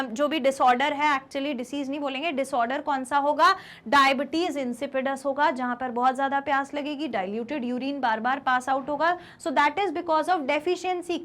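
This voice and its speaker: A woman teaching biology for an exam. She mixes languages, reads definitions slowly and asks the class rhetorical questions. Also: high-pitched, fairly bright tone. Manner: explains in Hindi mixed with English, asks rhetorical questions; reads English definitions slowly, then explains fast. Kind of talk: exam-prep lecture.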